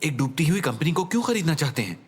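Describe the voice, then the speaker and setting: A man's voice: fairly high pitch, big pitch swings, fast talker, slightly rough. A man dubbing a worried colleague who keeps asking anxious questions about the station's future. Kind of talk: dubbed TV drama.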